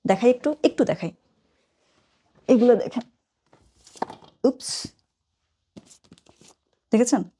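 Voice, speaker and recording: A woman's voice: fairly high pitch, expressive, slow, pauses often, dark tone, slight background noise. Chatty woman teaching German. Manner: chatty, mixes English phrases, thinks aloud with fillers. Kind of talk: casual online lesson.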